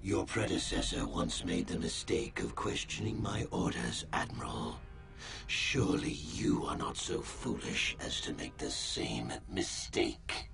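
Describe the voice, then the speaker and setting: An actor playing a menacing male Sith dark lord who gives cold, slow orders in a gravelly voice. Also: sits low, animated, faint music behind, exaggerated voice.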